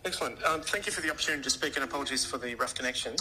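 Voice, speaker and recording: A city councillor, a man, speaking over a phone line and giving measured, courteous formal thanks at a council meeting. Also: mid-range voice, sharp tone.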